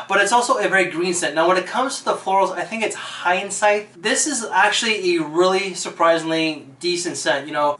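A man's voice: high-pitched, bright, forceful tone, reverberant. A man casually reviewing fragrances for his channel, chatty and enthusiastic, with frequent fillers.

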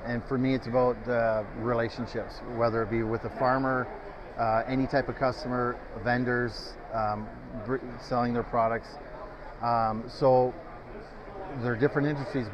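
A man in sales, answering interview questions in a halting way with many fillers, on a lapel mic in an open tent at an outdoor expo. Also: medium pitch, flat delivery. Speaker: sales guest. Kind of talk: casual trade-show interview. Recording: slightly dull, noisy outdoor expo.

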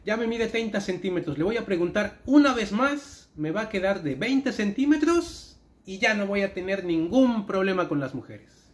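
A man's voice: high-pitched, lively intonation, moderate pace, pitched above the performer's own voice. A man voicing an eager, gullible young man in a joke, talking in gushing exclamations. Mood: thrilled.

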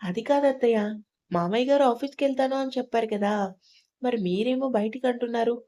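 A tender young wife from a storybook, soft-spoken and respectful, easily moved to tears, as a woman reading the tale plays her. The voice sits fairly high with a warm, mellow tone. Each reply comes out gentle and pleading. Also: brisk, natural voice. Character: tender, tearful young wife and daughter-in-law.

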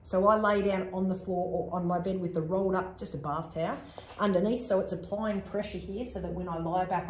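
A woman's voice: on the low side, darkish tone. A woman chiropractor giving a casual, step-by-step demonstration, chatty and practical. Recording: echoey room, faint background noise.

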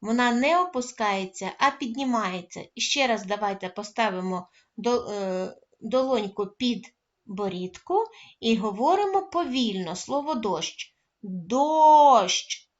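A woman primary school teacher giving a recorded lesson to first graders, speaking gently and praising the children often. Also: fairly high pitch, lively intonation, normal speed, dull audio.

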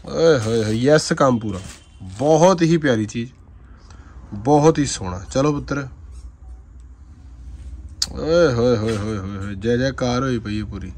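A man gives informal, effusive shop sales patter, dramatic and full of drawn-out exclamations. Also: mid-range voice, darkish tone. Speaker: shop seller presenting suit fabrics. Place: indoor fabric shop with tiled floor. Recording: clearly noisy shop-floor phone recording.

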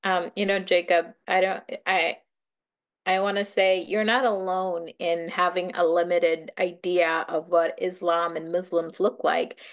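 A woman's voice: fairly low pitch, level tone, measured pace. A woman from Bangladesh sharing her thoughts in a casual book club discussion over a video call. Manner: thoughtful, conversational with filler words.

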